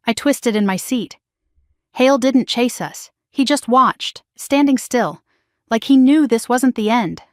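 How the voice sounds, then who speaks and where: A woman telling a first-person suspense story as scripted narration, steady and dramatic. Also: on the high side, dry recording, studio quality.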